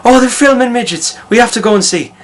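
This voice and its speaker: Man putting on a squeaky, eager young Irishman. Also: animated, fast talker, a little hiss or hum. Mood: excited. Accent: Irish, put on badly. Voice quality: high, strained voice well above his own. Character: excitable young Irishman, wide-eyed and eager.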